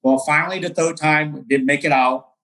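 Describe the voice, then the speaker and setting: A man's voice: on the high side, steady tone, moderate pace, a bit bright, poor audio. A man from Vietnam, a real estate broker telling his story in a casual interview, earnest, with many fillers and restarts.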